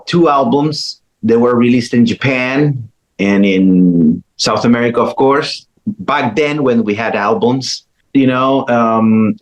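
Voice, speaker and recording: Man, middle-aged, guest guitarist, easygoing storytelling, pauses and restarts. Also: medium pitch, poor audio. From Chile. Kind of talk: casual interview talk.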